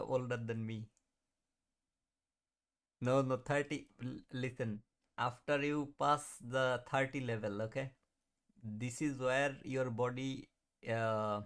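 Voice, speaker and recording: A man's voice: mid-range voice, clear, resonant tone. Chatty man in his thirties streaming live. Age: 30s. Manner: chatty, reads and answers chat, laughs often; mutters at the chart while watching. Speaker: trading livestream host. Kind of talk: casual live-stream commentary.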